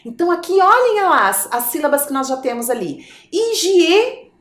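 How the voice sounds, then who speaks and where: In a video lesson for young children, a primary school teacher with a Brazilian Portuguese accent encourages them along in a sing-song way, drawing out each word. Her voice sits high and is very animated, brisk, and fairly bright, recorded with a roomy sound.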